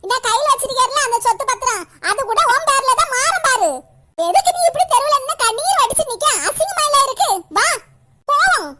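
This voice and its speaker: Sly, high-voiced cartoon younger sister. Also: animated, brisk, sharp tone, full character voice. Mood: wheedling. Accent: Kanyakumari Tamil. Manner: wheedling, coaxing.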